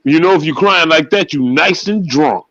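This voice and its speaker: A man in his forties on a live stream call, talking in a slow, laid-back way and swearing casually. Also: fairly high pitch, fairly bright tone, dry recording, highs cut off. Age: 40s. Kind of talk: casual group chat.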